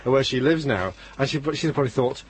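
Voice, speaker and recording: A man's voice: medium pitch, expressive, a little fast, husky. A male community radio host interviewing two amateur actors in a chatty, jokey way. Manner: chatty, jokey, laughs often.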